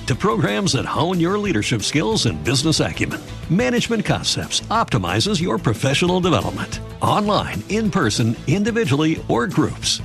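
A man reading a scripted advertisement in an upbeat, lively delivery. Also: on the high side, gravelly. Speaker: ad announcer. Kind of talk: scripted radio ad read. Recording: ad with background music. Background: music bed.

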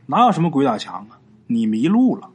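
A man's voice: medium pitch, fairly quick, slightly rough. A man voicing a cold, expressionless stranger who speaks curtly, in a spoken ghost story. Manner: curt, flat and cold.

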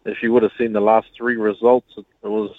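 A man's voice: fairly low pitch, little pitch movement, brisk, no echo. A man calling in to a radio show over the phone, chatting freely and calling the host mate. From New Zealand. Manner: chatty, says mate often. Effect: heard over the phone line. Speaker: radio caller. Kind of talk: casual call-in chat. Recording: tinny phone line on radio.

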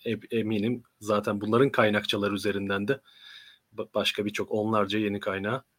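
Male host for a political interview stream, lowish voice, slightly strained from being unwell, conversational delivery. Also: level tone, fast talker, a bit bright, husky.

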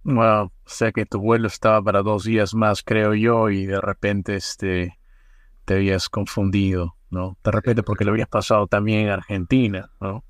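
A man hosting a casual podcast interview, asking quick questions in a relaxed way with many fillers. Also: on the low side, dry recording, studio quality. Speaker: podcast host.

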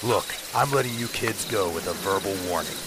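An actor playing a gruff, weary middle-aged police commander in an audio drama, curt and sardonic like an old-time beat cop. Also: male voice, lowish voice, fairly quick, natural voice. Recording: noisy night ambience with chirping crickets.

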